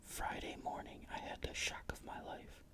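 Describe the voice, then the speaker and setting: A narrator reading a ghost story in a breathy, unvoiced whisper, with measured, careful literary phrasing.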